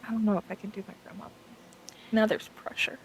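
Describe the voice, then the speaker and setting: A woman's voice: medium pitch, little pitch movement, quick pace, a little hiss or hum, rough recording. A woman running a tabletop game as game master, narrating in a casual, improvised way.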